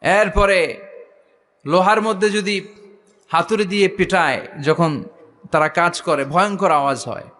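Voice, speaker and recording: A man's voice: high-pitched, fairly bright tone. A man preaching a sermon to a gathering, calling questions out to the crowd and drawing answers back from it. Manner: rousing call-and-response with the crowd; chants Quranic verses slowly.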